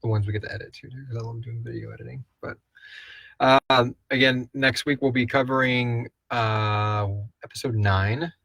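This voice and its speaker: At a live Q&A, an audio drama podcast's co-host and producer jokes and rambles as he casually reads out listener questions and answers them. He has a gravelly, slightly bright mid-range voice with fairly even intonation and a moderate pace. The recording is dry.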